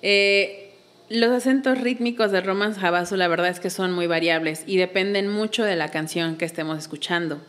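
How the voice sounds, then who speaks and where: A woman's voice: lowish voice, normal speed, a bit bright. A woman, a belly dance teacher, explaining patiently in a casual interview and counting beats aloud.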